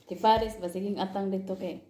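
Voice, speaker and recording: A woman's voice: medium pitch, fairly even intonation, fairly quick, mellow, a little hiss or hum. A woman in a casual chat who keeps chiming in and calling out to the others around her. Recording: echoey room.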